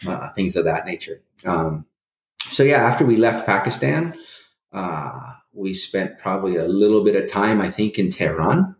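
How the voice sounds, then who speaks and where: A man's voice: sits low, lively intonation, moderate pace, reverberant. A man in his forties, a guest in a casual interview, telling his life story with many restarts and hesitations. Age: 40s.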